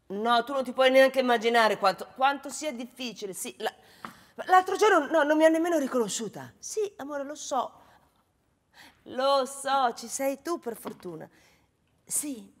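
A weary, worried woman talking in hushed tones on the phone,. Her voice is high and carries a long hall reverb. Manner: hushed, tired phone talk. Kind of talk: stage play acting. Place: theatre stage.

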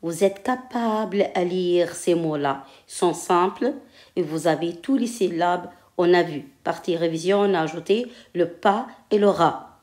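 A woman's voice: on the low side, unhurried, darkish tone. A woman teaching a French reading lesson, drilling syllables and simple words one at a time. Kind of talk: slow reading lesson for adult learners.

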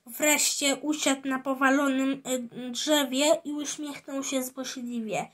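A woman reads a children's storybook aloud. Her voice sits high and moves slowly, with slips and restarts where the words trip her up. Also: fairly even intonation, fairly bright tone. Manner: halting reading with slips and restarts. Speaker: reader. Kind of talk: reading a children's audiobook aloud.

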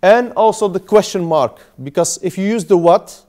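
His voice sits high and mellow at a normal speed as he leads a language class. The man, in his thirties, teaches Arabic in a compact whiteboard classroom, patiently repeating and clarifying each word.

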